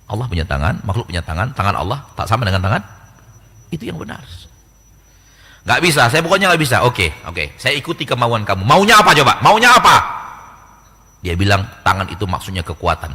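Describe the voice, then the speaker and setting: A man's voice: lowish voice, big pitch swings, fast, pushed and bright, husky. A man preaching a lecture sermon, full of rhetorical questions and mock back-and-forth dialogue. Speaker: Islamic preacher. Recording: long reverb hall.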